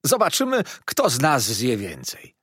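A man's voice: mid-range voice, wildly swooping pitch, measured pace, a bit bright, slightly rough, dry recording, clean studio sound, exaggerated voice. A man voicing a chatty, boastful young inn waiter in an audiobook, jovial and teasing. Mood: jovial, greedy. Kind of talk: audiobook character voice.

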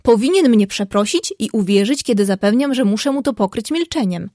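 A woman reading the part of a proud, hot-tempered young gentleman who speaks stubbornly and with indignation. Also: fairly high pitch, animated, brisk, dry recording, clean studio sound. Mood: indignant.

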